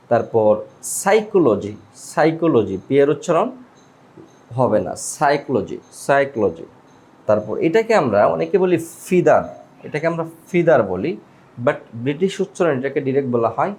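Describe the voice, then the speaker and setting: A man's voice: medium pitch, a little mellow. Man teaching word pronunciation. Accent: Bengali. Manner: repeats each word slowly and explains step by step. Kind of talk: spoken language lesson.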